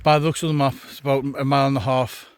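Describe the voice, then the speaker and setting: A man's voice: mid-range voice, level tone, rapid-fire, smooth, no echo, clean studio sound. A man casually vlogging on a hike outdoors, talking in a laid-back, wry way. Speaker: hiking vlogger. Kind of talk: casual chat to camera while hiking. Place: outdoors on a wet, windy hiking trail. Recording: noisy, windy outdoor walking recording.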